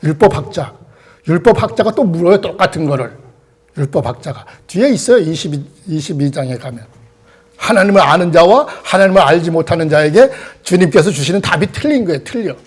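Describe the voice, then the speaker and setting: A man with a notably high voice leads a Bible study lecture. He reads scripture in solemn archaic phrasing, then breaks it down with rhetorical questions and repeated phrases for emphasis. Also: lively intonation, fairly quick, slightly rough. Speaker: Bible teacher.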